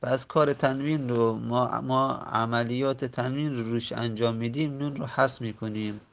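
Male grammar teacher, mid pitch, reads a rule then drags out example words, methodical. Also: steady tone, creaky. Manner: recites Arabic text, then explains it slowly, dwelling on example words. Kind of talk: classroom lesson explanation.

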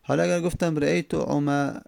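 A man's voice: a little high, fairly even intonation, creaky, darkish tone. A male teacher, a native Persian speaker, explaining Arabic grammar step by step, repeating each form with frequent hesitations.

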